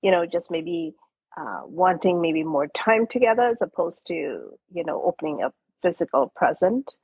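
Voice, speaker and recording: A woman's voice: fairly low pitch, normal speed, slightly rough, no echo, phone-quality sound. A woman real estate agent hosting a casual interview, chatty and full of fillers and restarts.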